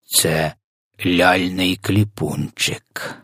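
A man voicing a huge, kindly old male giant in a storybook reading, mangling his words and lurching between hushed whispers and shrill wails. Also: a little slow, slightly rough, dry recording, clean studio sound, exaggerated voice. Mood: hushed awe. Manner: garbled grammar and made-up words, swings from hushed whisper to shrill wailing. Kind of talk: audiobook character voice.

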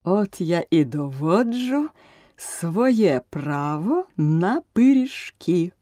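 A woman reading aloud, voicing a pompous, self-satisfied old king in a storybook who mumbles slowly and smugly. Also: low voice, lively intonation, mellow, no room sound, clean studio sound. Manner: slow, mumbling, smug.

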